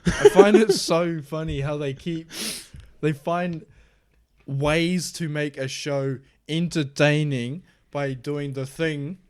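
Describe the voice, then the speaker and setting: A man's voice: on the high side, takes it slowly, a little mellow, smooth. A young man with a New Zealand accent, co-hosting a casual podcast and bluntly dismissing ideas, with some swearing. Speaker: podcast co-host. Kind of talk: casual chat.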